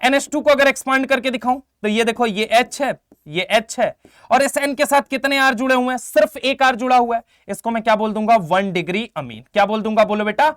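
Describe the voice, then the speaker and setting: With a very high voice at a fairly quick pace, a man runs an energetic call-and-response in his online chemistry exam-prep class. He fires questions, coaxes answers and calls students "beta" and "bhai", all in a dry, studio-quality recording.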